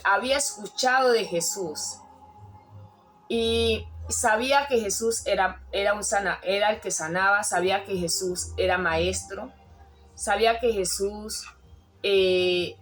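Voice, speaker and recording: A woman's voice: mid-range voice, a little slow, fairly bright tone, faint music behind. A woman preaching a sermon in an earnest, repetitive way, restarting phrases and rising when she quotes a cry.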